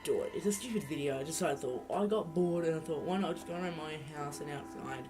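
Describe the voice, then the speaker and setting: A man's voice: fairly high pitch, fast talker. A young man with a blocked nose giving rambling, self-correcting let's play commentary into a laptop mic. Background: game music.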